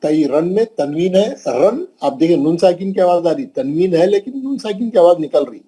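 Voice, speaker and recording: A man's voice: sits high, expressive, normal speed, mellow, husky, poor audio. A man teaching Quran recitation rules in a classroom lesson, patiently repeating each example and drilling the pronunciation. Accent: Hyderabadi. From India.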